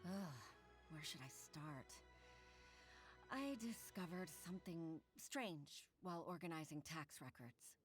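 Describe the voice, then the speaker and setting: An earnest, weary young clerk. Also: female voice, low-pitched, expressive, slow pace, faint music behind. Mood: troubled. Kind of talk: video game voice acting.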